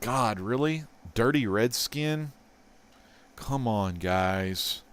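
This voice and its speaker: Chatty, excitable man with a smooth voice. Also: mid-range voice, very slow. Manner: excitable, chatty, swinging loud to mumbled. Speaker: host. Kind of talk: casual comic haul vlog.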